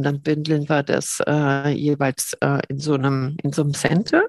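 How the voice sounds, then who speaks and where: A woman's voice: on the low side, darkish tone, no echo, clean studio sound. A middle-aged woman from Germany, a guest on a podcast, talking thoughtfully with many fillers and restarts. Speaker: podcast guest, leadership academic. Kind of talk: casual podcast interview.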